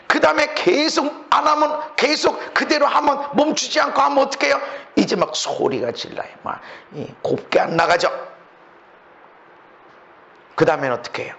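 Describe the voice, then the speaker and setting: Gravelly high-voiced Korean pastor preaching. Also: male voice, moderate pace, highs cut off. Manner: lively preaching, swings from low murmurs to shouts. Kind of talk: sermon.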